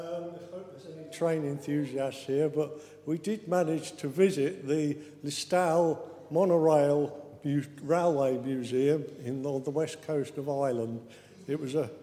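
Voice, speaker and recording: A man with a fairly high but mellow voice tells a chatty, good-humoured travel story at a slide talk. He sounds a little distant, in a roomy hall with a long reverb. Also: fairly even intonation, measured pace. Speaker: speaker describing a trip.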